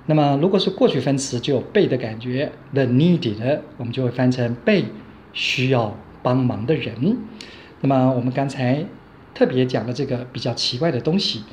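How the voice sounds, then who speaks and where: A male teacher walks through grammar examples in a steady, mid-pitched voice. He repeats each example and spells out the letters. A faint hiss of noise sits under the recording. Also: moderate pace. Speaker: English teacher. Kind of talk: grammar lecture.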